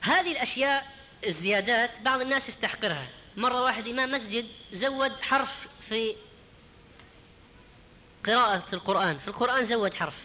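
A male preacher giving a religious lesson, explaining word by word and slowing down to demonstrate pronunciation. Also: extremely high pitch, sharp tone, in a large hall, a little hiss or hum, rough recording.

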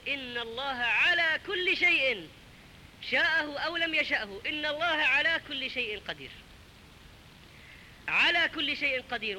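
Male preacher, very high and piercing voice, quick earnest sermon, slows to spell out correct wording, faint hiss. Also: sharp tone, rough recording. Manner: earnest, corrective, quotes common sayings then slowly sounds out the right wording. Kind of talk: Friday sermon.

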